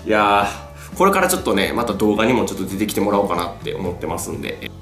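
A chatty man speaks in Kansai dialect with a lively, bouncing pitch, playful and quick to laugh. The room is echoey, with faint music in the background. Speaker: vlogger. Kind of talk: casual product showcase vlog.

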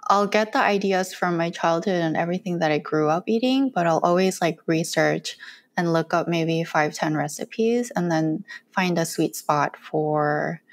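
At a moderate pace and fairly low pitch, a young woman from Korea talks casually and laughs a lot while guesting on an interview about her cooking content. She sits in a small bright room at home, close to a studio mic, earphones on.

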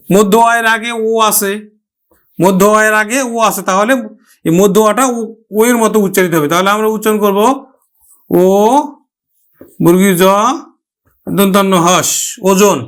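A man's voice: high voice, steady tone, a bit bright, clear, resonant tone. A man teaching a pronunciation lesson, sounding out words syllable by syllable and asking and answering his own questions. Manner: slow, drawn-out syllable-by-syllable modelling of words.

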